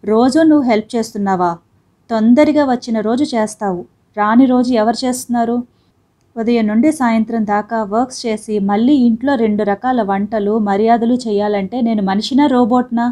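A woman's voice: on the high side, fairly even intonation, moderate pace, dark tone, close to an everyday voice. A woman reading the part of a proud young working wife who argues back sharply and indignantly.

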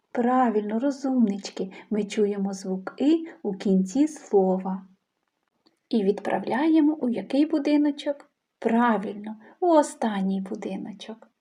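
A woman's voice: on the high side, mellow, slightly rough. A woman giving a patient phonics lesson to young children, prompting and praising them. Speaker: kindergarten teacher.

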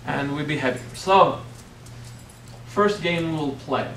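A middle-aged man with a French accent, a spiritual teacher, gives a playful workshop talk in a hotel meeting room and keeps checking in with "okay?". His voice sits a little high and a bit bright, and he takes it slowly. A distant camera mic picks him up in an echoey room, with slight background noise.

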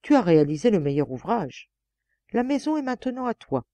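A woman's voice: mid-range voice, big pitch swings, a little fast, dark tone, no echo, voice pushed up, close to an everyday voice. A woman reading as a fair-minded old father. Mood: amazed. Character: old father, fair and undecided, proud of his sons.

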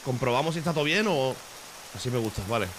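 Fast-talking man from Spain, rowdy. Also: mid-range voice, background noise. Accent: Spain Spanish. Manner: excitable, swears a lot, bursts into shouts. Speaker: streamer. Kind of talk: casual gameplay commentary.

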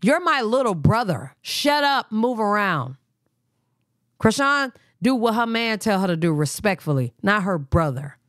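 A woman's voice: medium pitch, very animated, unhurried, no echo, clean studio sound. Blunt, profane woman streamer. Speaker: livestream host. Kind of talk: casual live reaction commentary.

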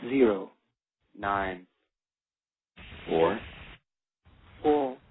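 A very deep synthetic male voice from a garbled audio captcha, spelling out digits with long gaps between them. The sound is thin and phone-like, and it is husky and smeared, with no room around it. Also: lively intonation, no echo. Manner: reads single digits slowly, one by one. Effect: garbled audio captcha playback. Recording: tinny lo-fi captcha audio clip.

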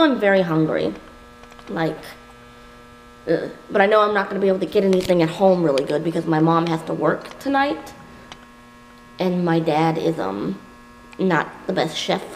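A woman's voice: on the low side, creaky, a little hiss or hum, rough recording. Goofy rambling young woman vlogging. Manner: rambling, goofy, self-deprecating. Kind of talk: casual vlog chat. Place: workplace and home.

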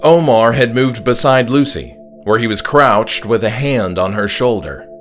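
A man with a mid-range voice reads his own horror story aloud at a measured pace, using a dramatic, scripted delivery. Music plays behind him.

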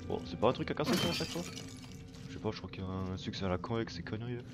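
A man giving casual gameplay commentary while he plays, swearing constantly and breaking into excited outbursts. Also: on the low side, rapid-fire, over loud music. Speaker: let's play gamer.

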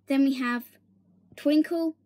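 A young woman talks through a tour of her toy stable in a bright, fairly high voice. She is chatty and giggly, drops into whispered asides now and then, and films on a handheld phone indoors in her bedroom. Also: takes it slowly. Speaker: toy barn vlogger. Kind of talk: casual toy tour narration. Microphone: handheld phone camera.

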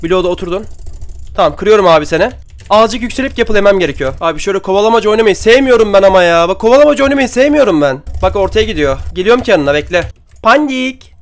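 A man's voice: high voice, animated, rapid-fire. A young man giving casual commentary over his own gameplay, chatty and trash-talking opponents, with keyboard and mouse clicks at his desk mic. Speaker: gaming YouTuber. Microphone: desk microphone, keyboard and mouse clicks.

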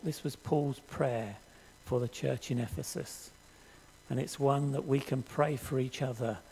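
An older man preaching a sermon in a church hall, earnest and measured, reading scripture aloud to the congregation. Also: mid-range voice, warm tone, a little hiss or hum. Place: church hall stage with audience.

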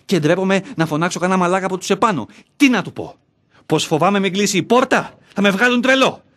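A man's voice: high voice, animated, fairly bright tone. A man performs a lonely bank clerk of middle age who talks aloud to himself in a one-man stage monologue, bitter and self-loathing. His voice rises and falls widely as he muses and spars with his own self. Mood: panicked, gasping. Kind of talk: theatrical monologue.

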